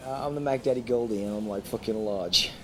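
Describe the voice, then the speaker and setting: Interviewed casually at an airport, an English guest DJ rambles on, laughing and cursing frequently. He speaks briskly in a lowish voice, with a crowd audible behind him on the noisy location recording.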